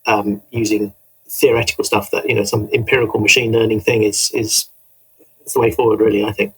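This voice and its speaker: A male interview guest talking casually in a husky voice of medium pitch. He speaks haltingly, thinking aloud as he answers. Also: a bit bright, poor audio. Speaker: podcast guest, author.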